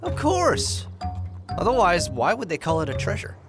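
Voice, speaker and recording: A poor, excitable woodcutter, acted by a man, with a pitch that jumps around a lot. He sounds whiny and bewildered in cartoon storybook style, over clear background music. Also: moderate pace, exaggerated voice. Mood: exasperated. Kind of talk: animated storybook acting.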